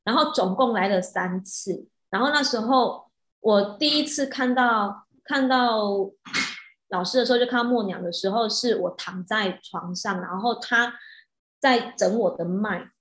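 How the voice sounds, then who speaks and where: A woman telling a personal story in a casual way. She is animated and often restarts her sentences, with soft fillers. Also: medium pitch, unhurried. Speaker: hypnotist. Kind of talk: casual storytelling of a past-life regression. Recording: roomy echo.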